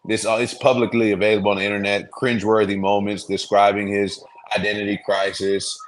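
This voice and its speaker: A man's voice: fairly low pitch, level tone, fairly quick. A man co-hosting a casual podcast, rambling with many restarts and getting worked up as he goes. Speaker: podcast co-host. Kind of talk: casual sports podcast chat.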